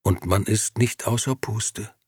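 A man reading the part of an old street sweeper who speaks slowly and pauses to think. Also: on the low side, husky, no room sound, clean studio sound. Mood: thoughtful. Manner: slow, pondering, pausing. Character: old male street sweeper, slow, thoughtful. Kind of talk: audiobook reading.

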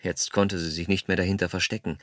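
A man reading a first-person story aloud in a calm, measured, intimate way. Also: low-pitched, no echo, clean studio sound. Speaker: audiobook narrator. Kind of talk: scripted first-person narration.

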